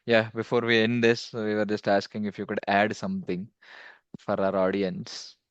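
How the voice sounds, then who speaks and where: A man's voice: on the low side, level tone, moderate pace, clear, resonant tone, no room sound. A man hosting a casual video-call chat, speaking hesitantly and often saying "like". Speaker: host. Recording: dull, band-limited video call audio.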